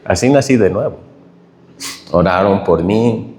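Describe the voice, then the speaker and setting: A middle-aged man preaching a tearful, animated testimony sermon in a church hall. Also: lowish voice, measured pace. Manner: emotional, tearful, animated storytelling. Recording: echoey hall reverb.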